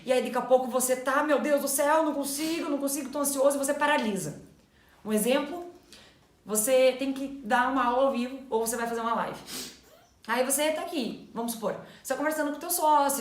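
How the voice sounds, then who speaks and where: A woman co-hosting a casual explanatory chat, animated and acting out inner thoughts in quotes. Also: on the high side. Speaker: co-host. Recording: echoey room.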